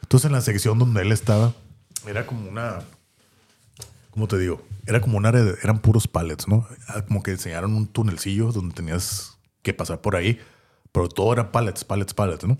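A man tells a story in casual podcast chat. He talks fast, in a lowish voice, and keeps slipping into quick voiced impressions. He is clearly amused by his own anecdote. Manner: animated, laughing anecdote-telling with voiced impressions. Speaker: podcast co-host.

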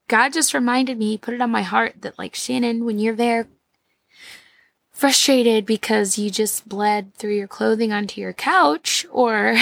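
A woman's voice: medium pitch, creaky, dry recording. A woman giving a casual, chatty, slangy devotional talk as a podcast host, her voice thick and muffled from a swollen throat. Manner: chatty, slangy, addressing listeners as girls and guys.

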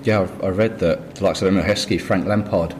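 A man with a low voice acts as interviewer, putting questions in a conversational and slightly tentative way. His phrases tend to trail, and faint background noise sits behind him. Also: steady tone, brisk.

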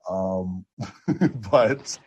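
A man co-hosting a podcast, chatting casually about basketball transfers with animated jumps in excitement. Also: deep voice, very slow, background noise. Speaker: podcast co-host. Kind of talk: casual sports chat.

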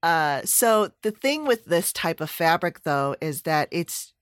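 A woman's voice: fairly low pitch, very animated, measured pace, no room sound, clean studio sound. A woman chatting casually about a home project, rambling with fillers and self-corrections. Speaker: DIY vlogger. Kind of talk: casual chat.

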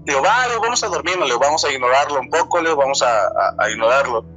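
A man in his twenties with a Mexican accent, telling a true encounter in a halting, repetitive way, often restarting his words. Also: medium pitch, animated, sharp tone, soft background music, low-quality recording. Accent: Mexican Spanish. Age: 20s. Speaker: storyteller sharing a true encounter. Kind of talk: casual spoken testimony.

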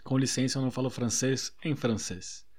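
A man's voice: mid-range voice, fairly even intonation, moderate pace, a little mellow. A man with a Brazilian Portuguese accent, hosting a podcast in an upbeat way and asking questions. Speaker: podcast host. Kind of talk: casual chat.

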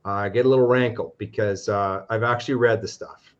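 A man's voice: fairly low pitch, steady tone, fairly quick, dull audio. A man, a lawyer, talking heatedly and emphatically on a discussion show, with restarts.

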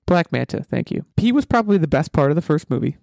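A man's voice: on the high side, sing-song, quick pace, creaky, darkish tone, no room sound. A man hosting a casual pop culture podcast, speaking in an opinionated, emphatic way and often restarting his sentences. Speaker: podcast host. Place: basement room at home.

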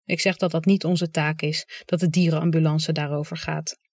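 Calm understated audiobook reader. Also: mid-range voice, moderate pace, dry recording, clean studio sound. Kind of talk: first-person literary narration.

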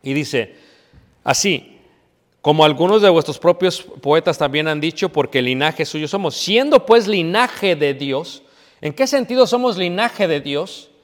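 A man's voice: lively intonation, unhurried. A man preaching a sermon, emphatic, asking questions and answering them himself. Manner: emphatic teaching, asks and answers his own questions; drops to a quiet, low voice when telling a personal story. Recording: hall with long reverb.

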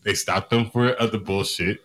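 A man telling a story in casual chat, animated, loud and profane. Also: on the low side, normal speed, slight background noise. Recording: echoey room.

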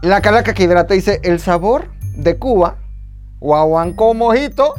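A man's voice: high voice, moderate pace, faint music behind. A man with a Mexican accent hosting a joking podcast, playful and slangy with theatrical turns. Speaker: podcast host.

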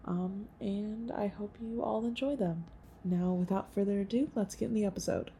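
A woman's voice: medium pitch, moderate pace, music in the background. A woman hosting a podcast in a casual, chatty, informal way. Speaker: podcast host.

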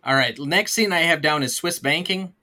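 A man's voice: on the high side, normal speed, sharp tone. A man hosting a casual film podcast, running through scenes and stammering at times. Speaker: podcast host.

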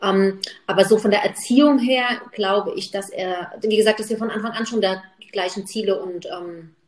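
A woman's voice: medium pitch, normal speed. A woman speaking as a podcast guest in an open, candid chat, with many fillers as she talks. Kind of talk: casual chat. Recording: roomy echo.

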